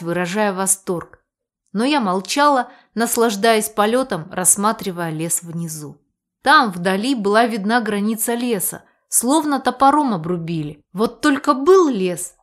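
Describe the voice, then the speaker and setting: A woman reading an audiobook in the first person, in a lively, expressive storytelling manner. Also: mid-range voice, measured pace. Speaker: audiobook reader.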